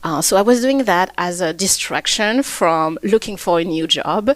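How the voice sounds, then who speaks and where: A woman with a French accent talks as a podcast guest, friendly and plain, with small fillers between thoughts. Her voice sits a little low and sounds close and dry. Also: moderate pace, dry recording. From Reunion Island, France. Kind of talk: interview conversation.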